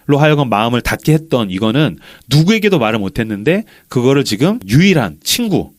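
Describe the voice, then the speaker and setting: Animated male podcast host retelling a film. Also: medium pitch, fairly quick, dry recording, clean studio sound. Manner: animated storyteller, acts out quotes.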